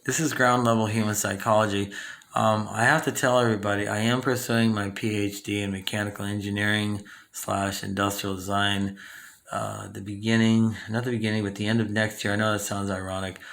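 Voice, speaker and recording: A channel host in his fifties from Southern California delivers a casual talking-head monologue. His voice is fairly low, creaky, a bit bright, and flat in pitch, and he talks fairly quickly, rambling with lots of fillers, restarts, and self-corrections.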